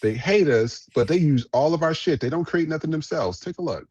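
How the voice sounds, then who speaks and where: A man's voice: on the high side, animated, brisk, a little mellow, husky. A man hosting a podcast, giving blunt, profane, rambling commentary on viral clips. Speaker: podcast host.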